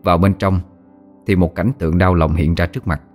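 A man narrating a story in a steady, dramatic storytelling manner. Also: low-pitched, fairly quick, faint music behind.

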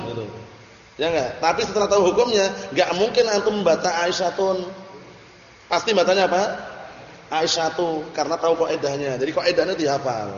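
A man's voice: on the high side, a little hiss or hum. A man teaching Arabic grammar to a class, questioning students and drilling their answers. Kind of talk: classroom lesson. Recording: dull, echoey hall recording.

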